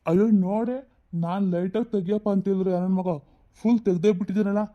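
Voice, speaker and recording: A woman's voice: mid-range voice, quick pace, highs cut off, close to an everyday voice. A woman playing an easygoing joking husband. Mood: casual. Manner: relaxed, teasing. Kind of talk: comedy sketch acting.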